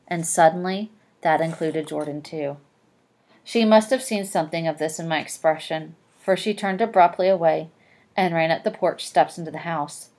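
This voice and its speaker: A young woman reading a novel aloud and breaking off for casual explanations, full of "okay" and "like". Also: fairly low pitch. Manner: chatty asides with "like" and "okay".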